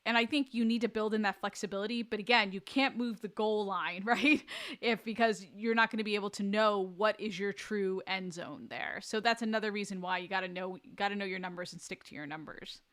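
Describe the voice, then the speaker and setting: Woman, podcast co-host, casual chat, agreeable, brisk explaining. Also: mid-range voice, steady tone, fairly bright tone. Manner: agreeable, with short backchannels and a brisk teaching tone.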